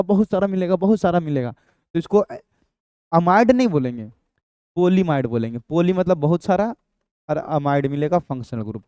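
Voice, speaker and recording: Preparing students for exams, a man lectures on chemistry in a coaxing, repetitive style, supplying answers to his own questions. His mellow, smooth voice is a bit high and comes across close and dry, with no room sound.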